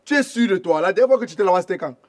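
An actor playing a confrontational eldest brother who mocks an intruder. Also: male voice, high voice, animated, very fast. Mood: mocking. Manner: mocking, confrontational. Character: protective young man, eldest brother of the family.

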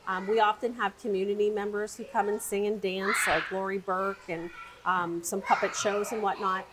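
The director of a children's museum, a woman, describes its play areas in a casual, upbeat interview, using fillers often. She speaks at normal speed with a medium pitch and level tone. Background noise is audible.

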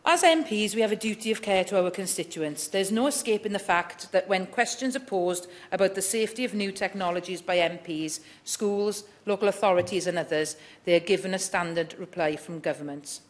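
A woman's voice: mid-range voice, fairly quick, hardly any pauses. A middle-aged woman, speaking as a member of parliament in a chamber debate, reading prepared remarks firmly and earnestly. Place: large wood-panelled debating chamber.

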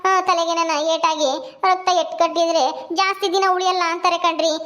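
A woman playing an anxious young daughter-in-law in a village family drama, with a fast, fussing manner. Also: extremely high pitch, little pitch movement, a bit bright.

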